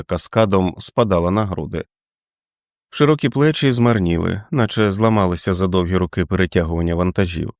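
A man reading a novel aloud as an audiobook, in a steady, measured way. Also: low voice, dry recording, clean studio sound. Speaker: audiobook reader. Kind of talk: scripted narration.

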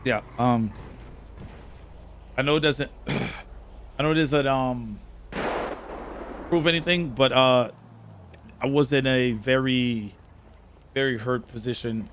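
A drunk man streams improvised role-play on a studio microphone. He speaks earnestly and haltingly, searching for each phrase, with some noise behind him. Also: mid-range voice, fairly bright tone. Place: indoor streaming room. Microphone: boom-arm studio microphone.

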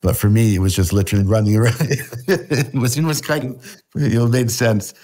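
Speaking from a home desk over a webcam video call, this guest artist, a man in his fifties from Canada, has a warm, mid-range voice and a moderate pace. His Canadian accent carries a slight Scottish tinge. The casual interview chat rambles along with many fillers, restarts and frequent laughter.

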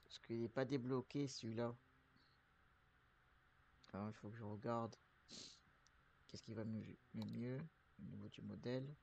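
In an unhurried, creaky, mid-range voice with fairly even intonation, a flu-stricken streamer guides his viewers through buying a truck in his trucking game. He pauses often and rambles, full of fillers and restarts; his tone is a little mellow, with slight background noise.

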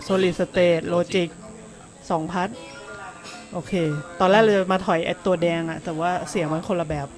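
A woman's voice: fairly low pitch, little pitch movement, unhurried. A woman doctor co-hosting a casual chat, comparing microphones and testing them aloud in a music shop. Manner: testing mics aloud, counting and saying hello. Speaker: doctor co-hosting a live show.

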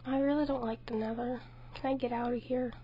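A woman's voice: on the high side, fairly even intonation, brisk, lo-fi sound, slight background noise. A woman commentating her own gameplay with a sore throat, chatty and talking to herself with mild exclamations. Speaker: gameplay video host. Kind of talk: let's play commentary.

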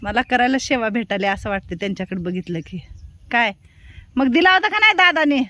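Caretaker woman, Marathi accent, high bright pitch, soft motherly coaxing with gentle scolding. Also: animated, a little fast, no room sound. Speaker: old-age home caretaker. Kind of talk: caring talk with elderly residents.

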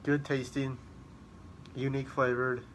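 A man talks casually to his viewers about drinks he is trying. His voice sits in a middle pitch, and he rambles and repeats his upbeat sign-offs. A faint hiss of background noise runs under the recording. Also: level tone, a little slow, a bit bright. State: out of breath. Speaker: drink reviewer. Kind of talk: casual vlog talk to camera.

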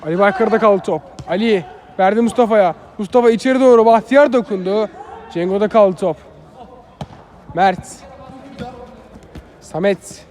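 A man's voice: high voice, normal speed, long pauses, a little mellow, a little hiss or hum. A man commentates live on an amateur football match. He follows play in short, clipped phrases, often repeating the names of players as the ball moves.

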